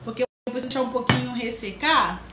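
A woman's voice: on the high side, fast talker, reverberant, music in the background, poor audio. A woman hosting a live craft tutorial, chatting and greeting viewers by name as she works. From Brazil. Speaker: craft teacher, live stream host.

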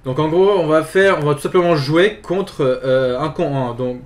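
Chatty gamer guy, slightly high voice. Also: normal speed. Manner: chatty, filler-heavy, repeats "tout simplement"; excited yelps during fights. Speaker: gaming video host. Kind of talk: casual let's play commentary.

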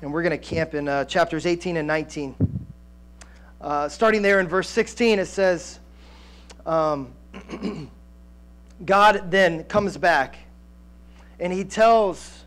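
Animated higher-voiced preacher man. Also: takes it slowly, long pauses. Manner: animated, gesturing, many restarts and fillers. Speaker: pastor. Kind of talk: sermon. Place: church stage with band gear, indoors.

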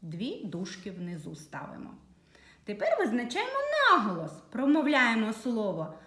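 A woman teacher giving a slow, patient reading and writing lesson to young children. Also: fairly high pitch, huge pitch swings, fairly bright tone, roomy sound. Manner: slow, clear, patient dictation to young pupils. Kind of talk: early literacy lesson for children.

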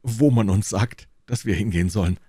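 A man voicing a composed, noble musketeer in an audiobook reading, speaking in a calm, measured way. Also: fairly low pitch, husky, dry recording, studio quality. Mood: resolute.

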